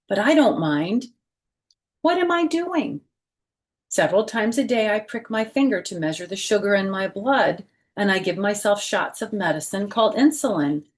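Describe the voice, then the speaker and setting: Speaking in a mid-range voice, a woman leads a storytime for kids. She reads with expression and addresses her young audience directly, asking questions and giving simple explanations.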